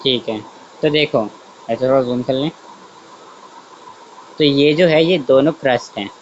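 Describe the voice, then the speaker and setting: In lo-fi sound with slight background noise, a male science teacher with a mid-range voice speaks at a measured pace. He runs his online lesson chattily, thinking aloud while drawing and saying "theek hai" over and over. He revises his own statements and asks the students whether they follow.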